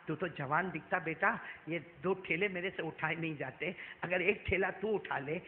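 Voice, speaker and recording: A male preacher voicing a frail, kindly elderly woman in an echoing hall, speaking softly and low. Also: a little hiss or hum, natural voice. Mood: pleading. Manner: soft, low, pleading. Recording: tinny phone-like sound, echoey hall.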